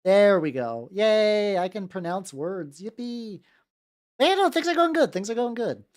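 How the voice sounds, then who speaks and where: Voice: medium pitch, sing-song, normal speed. A livestream host chatting casually while painting miniatures, talking constantly in a rambling, foul-mouthed way.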